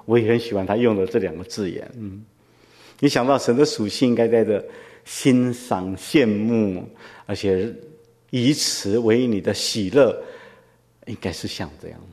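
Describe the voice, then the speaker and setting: A man's voice: mid-range voice, mellow. Preaching man in a reverberant hall. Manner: conversational teaching with frequent rhetorical questions. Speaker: pastor. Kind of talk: sermon.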